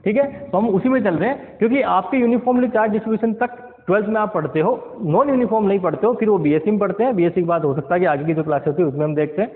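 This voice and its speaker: A high-pitched man teaching physics, talking through each step and pausing to check that his students follow. His voice sounds thin and phone-like, with a long reverb trailing after it. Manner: keeps asking the class questions, checks understanding; mixes English science terms into Hindi. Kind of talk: classroom lecture at a board.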